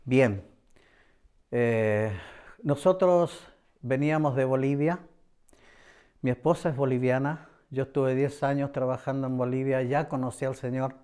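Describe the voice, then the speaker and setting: A middle-aged Chilean man giving an earnest personal religious testimony, repeating phrases and pausing often with hesitant fillers. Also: mid-range voice, steady tone, a little mellow, clear, resonant tone. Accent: Chilean Spanish. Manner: earnest, repetitive, pauses often with "eh". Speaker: church member giving testimony.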